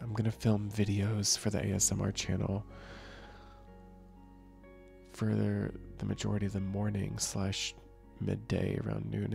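A young man who streams games, chatting softly and slowly with viewers in a soft-spoken ASMR style into a close mic. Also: on the low side, gravelly. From northern region. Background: soft relaxing music.

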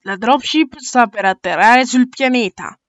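A woman's voice: a little high, unhurried, a bit bright, dry recording, dull audio. A woman narrating an amateur audio drama in a casual, unscripted way.

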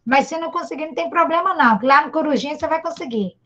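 A Brazilian woman with a high, bright voice gives a patient reading lesson to a young child. She encourages him gently and sounds out each syllable slowly. The sound is dull and lo-fi, as on a video call. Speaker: primary school teacher. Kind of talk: online literacy lesson for a child.

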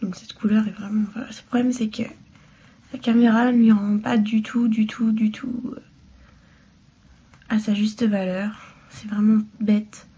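Her mid-range voice is dark and slightly rough, with little pitch movement, a measured pace, and long pauses. She's a young beauty vlogger, stuffed up and nasal, chatting hesitantly through a nail tutorial at home. While working, she drops to a murmur.

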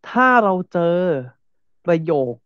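A man's voice: sits high, slow pace, bright, forceful tone, clean tone, dry recording, lo-fi sound. A man teaching a classroom grammar lesson, explaining step by step and repeating examples.

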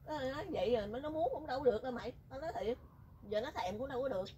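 A woman's voice: high-pitched, very fast, warm tone, slight background noise. A woman telling a story in casual chat, teasing and talkative. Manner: chatty, teasing, rural colloquial speech.

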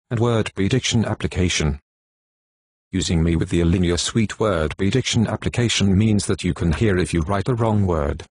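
An adult man's text-to-speech AI narrator voice with a British English accent. It is low and slightly rough, reading scripted product information in a measured manner. The sound is very dry, with no room echo.

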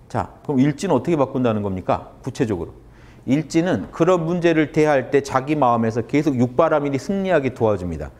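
A man lecturing on Buddhist teachings to an audience, often stopping to ask them questions. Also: fairly high pitch. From Korea. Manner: animated, asks the audience questions.

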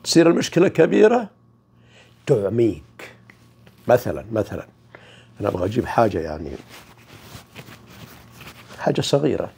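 A man gives an informal spiritual talk in a gravelly, husky voice. His pitch rises and falls widely, and he moves from loud emphasis down to near-whispers. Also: sing-song, normal speed, pauses often. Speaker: spiritual teacher.

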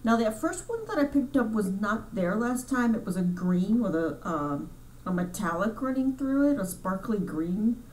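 A woman's voice: medium pitch, big pitch swings, normal speed, darkish tone, distant mic, a little hiss or hum, rough recording. A woman hosting her crochet channel in a chatty, rambling way, correcting herself as she goes, a bit congested from sinus trouble. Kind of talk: casual chat over store footage.

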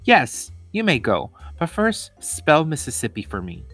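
A man voicing a brisk, bossy woman classroom teacher in a storybook, prim and commanding. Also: fairly high pitch, wildly swooping pitch, a bit bright, soft background music, pitched above the performer's own voice, heavily acted.

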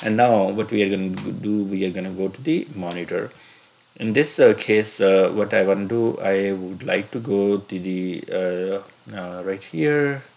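A man narrating a screen-recorded software walkthrough as instructor, halting and full of filler sounds as he explains each step. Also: low-pitched, creaky. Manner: halting, many filler "uh"s and restarts. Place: voice-over recorded separately from the pictured screen.

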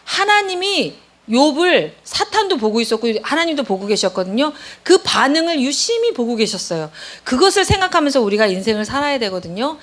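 A woman's voice: sits high, sing-song, brisk, fairly bright tone. A woman pastor giving a sermon, telling a personal story with feeling and speaking straight to the congregation. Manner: emotional storytelling, addresses congregation directly.

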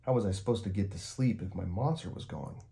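A man with a low-sitting, creaky voice reads a children's picture book aloud, telling the story in an expressive, deliberate way.

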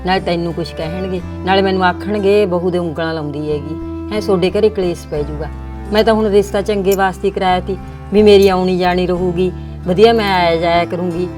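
Woman playing a sad old auntie, soft and teary, music under it. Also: on the low side, fairly even intonation, a little fast, natural voice. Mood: worried. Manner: lamenting, soft-spoken. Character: older aunt, sad and tearful. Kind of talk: village family drama acting.

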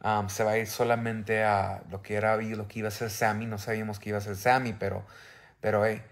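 A man's voice: on the low side, flat delivery, brisk. Man talking earnestly on a phone livestream. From United States. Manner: earnest, with hesitant fillers. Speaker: co-host, husband. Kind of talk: casual bilingual chat. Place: indoors on a couch at home. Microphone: phone at arm's length.

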